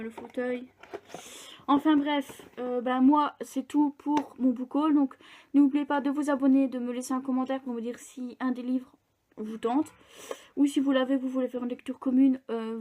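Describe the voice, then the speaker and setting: A woman's voice: sits high, dark tone, slight background noise. A young woman chatting casually in a book vlog, rambling with fillers and restarts. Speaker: book vlogger. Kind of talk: casual chat.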